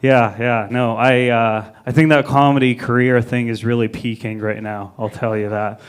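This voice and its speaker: Brash swearing stand-up comic from Egypt. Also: male voice, medium pitch, steady tone, normal speed, clear, resonant tone. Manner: brash, swearing, hyping the crowd. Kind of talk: stand-up set. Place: small live comedy venue.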